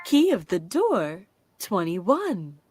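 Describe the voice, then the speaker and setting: Slow, lively female bingo caller over loud music. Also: medium pitch. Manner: slow, deliberate announcing in short separated calls. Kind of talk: bingo calling with rhyming number nicknames.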